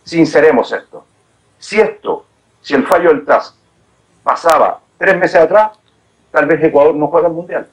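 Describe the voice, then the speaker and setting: A man, a veteran journalist on a football panel, giving his point of view in a measured, fact-based way. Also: a little high, poor audio. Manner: measured, asks to speak, argues from facts. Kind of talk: heated football debate.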